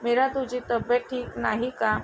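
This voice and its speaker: A woman voicing a caring middle-aged mother-in-law, speaking gently and with concern. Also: a little high, little pitch movement, normal speed, gravelly. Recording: noticeable background noise.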